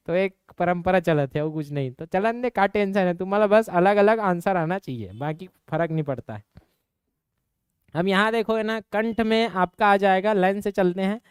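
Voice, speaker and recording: In a dry, studio-quality recording, a young man from Chhattisgarh, India, runs an exam coaching class, his high, smooth, slightly nasal voice marked by a Chhattisgarhi accent. He throws out quick questions, answers them himself and occasionally switches into regional dialect.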